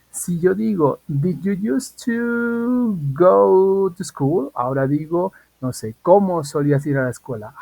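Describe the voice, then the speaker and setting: Husky-voiced man teaching an online English class. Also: a little high, a little mellow, dry recording, poor audio. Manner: patient, repeats key points and checks in with "¿ok?".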